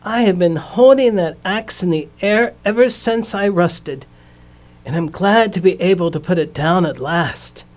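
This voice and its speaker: A woman voicing a polite, sad male tin man who speaks slowly and mournfully in a storybook reading. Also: lowish voice, darkish tone, close to an everyday voice. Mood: grateful.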